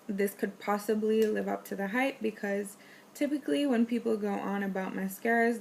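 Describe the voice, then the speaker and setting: Gushing young woman vlogger, gravelly voice. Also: mid-range voice, slight background noise. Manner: chatty, gushing, many ums and likes. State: losing her voice. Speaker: beauty vlogger. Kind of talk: casual product favorites chat.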